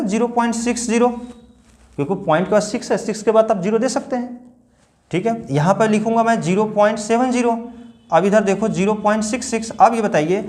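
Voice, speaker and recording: A man with a fairly high voice gives a math lesson to children. He works through each step patiently, repeats the numbers aloud and keeps asking the class questions. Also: a little mellow. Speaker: math teacher.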